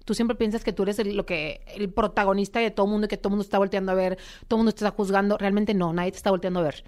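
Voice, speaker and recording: A young woman, a podcast guest telling her story and acting out quoted dialogue. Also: medium pitch. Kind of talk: interview storytelling.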